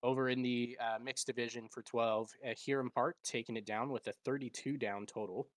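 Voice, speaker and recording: A man's voice: mid-range voice, steady tone, a little fast, no echo. A man from Nevada hosting a podcast, reading out results in casual chat with a playful streak. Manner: reads out results, playful about stirring drama. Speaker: podcast host.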